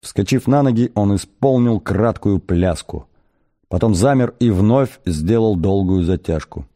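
A man reading a comic novel aloud as an audiobook narrator, in a measured, expressive storytelling manner. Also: lowish voice. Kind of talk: scripted narration.

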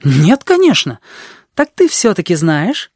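A reader voicing a bold, chatty red-haired girl who lectures quickly and jumps between topics. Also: mid-range voice, very animated, dry recording, clean studio sound, voice pushed up, close to an everyday voice. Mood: bossy. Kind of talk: audiobook character voice.

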